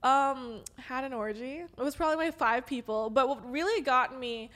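Guest: giggly Valley girl woman, high bright voice, candid chatter. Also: normal speed. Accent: Southern California Valley girl. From Los Angeles, USA. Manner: giggly, bubbly, heavy use of "like". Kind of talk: candid casual chat.

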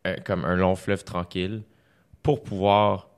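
A man's voice: low-pitched, little pitch movement, unhurried, clear, resonant tone. A man with a Québécois French accent hosting a podcast, chatting casually and telling stories with many fillers. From Quebec. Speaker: podcast host. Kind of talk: casual conversation.

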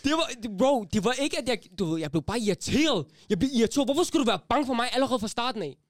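A young man hosting a casual podcast chat, telling stories in animated, slangy talk and laughing as he goes. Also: very high voice, dry recording, studio quality. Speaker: podcast host.

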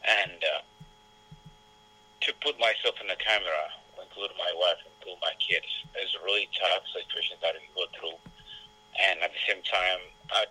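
A man with an Ethiopian accent, a boxing coach whose first language is Amharic, speaking haltingly in an interview. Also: low voice, pushed and bright, slightly rough, low-quality recording. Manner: halting, repetitive phrasing in a second language. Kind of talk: casual interview talk.

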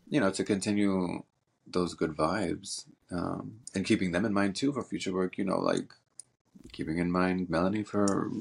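A man's voice: low voice, creaky, breathy edge. A man hosting a podcast interview, effusive and full of fillers as he welcomes his guest. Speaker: podcast host.

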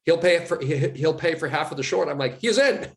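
With a brisk, somewhat high voice and a Swiss German accent, a Swiss actor guest swaps stories in a casual interview, bringing them to life by acting out the dialogue.

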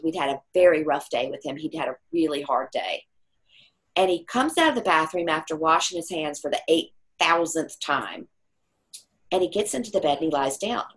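A middle-aged woman telling a personal story in conversation, acting out the voices of the people she quotes. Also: sits low. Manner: animated storyteller who acts out quoted voices.

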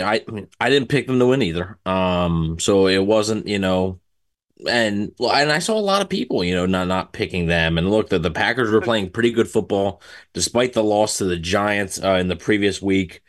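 A male co-host talks through a game casually in a fairly low voice. His delivery is loose and halting, like unscripted conversation. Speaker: sports podcast co-host. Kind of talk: casual post-game analysis chat.

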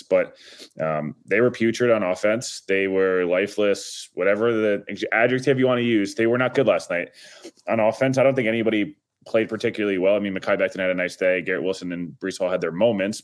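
A man with a fairly low voice joins a sports podcast as a guest. He talks through the game in a relaxed, reasoned way and laughs easily. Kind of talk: casual sports analysis chat.

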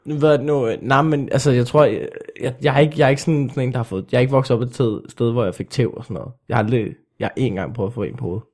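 Halting young man, mock-outraged. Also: mid-range voice, a little mellow. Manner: halting, restarts a lot, protests with mock outrage. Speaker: podcast guest. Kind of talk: casual chat.

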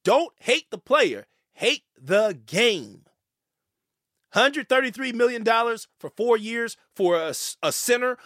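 High-voiced guy ranting sports takes, gets worked up and stammers, dead dry mic. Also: fairly bright tone, no room sound. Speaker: sports show host. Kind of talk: opinionated sports commentary.

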